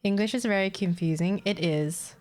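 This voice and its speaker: Soft music plays behind a woman streaming games from Australia; Vietnamese is her first language. She's tired, giggly and a bit scatterbrained, reading chat out loud in casual live-stream talk, with a medium-pitched, darkish voice at a moderate pace.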